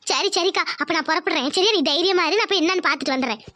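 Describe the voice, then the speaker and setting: A woman's voice: extremely high pitch, no echo. A woman voicing a soothing village neighbor. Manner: soothing, hurried, hushed. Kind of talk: cartoon voice acting.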